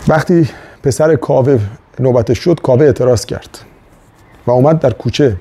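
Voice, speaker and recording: A middle-aged man from Iran delivers a motivational video monologue with a gravelly, husky voice. His tone is dark and earnest as he urges his students on, weaving stories into his talk. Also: mid-range voice. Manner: earnest, exhorting, storytelling. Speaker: motivational speaker and professor.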